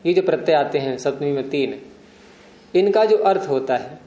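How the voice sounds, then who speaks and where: Male grammar teacher, slightly high voice, patient explainer who quizzes his class; echoey room. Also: expressive, moderate pace, warm tone. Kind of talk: classroom lecture with questions to students.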